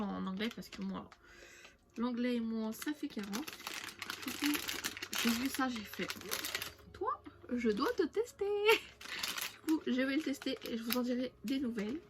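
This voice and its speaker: A young woman from France chatting casually through a shopping haul, rambling with many fillers and restarts. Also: a little high. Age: young adult. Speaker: beauty vlogger. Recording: music playing behind.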